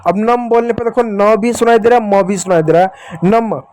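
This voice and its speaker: Male teacher, high voice, patient and repetitive, slow drill of letter sounds for beginners. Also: darkish tone, a little hiss or hum. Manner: patient, drills sounds slowly and repeats them, addresses viewers as children. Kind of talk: beginner Hindi reading lesson.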